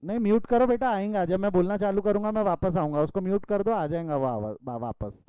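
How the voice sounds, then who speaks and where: A man from India teaches a commerce class online, his voice pitched high for a man yet mellow and smooth. The sound is close and dry, with no room in it. He mixes into his teaching and teases his students in a fatherly way. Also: fairly quick, dry recording, highs cut off. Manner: addresses students as beta, scolds playfully. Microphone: video call.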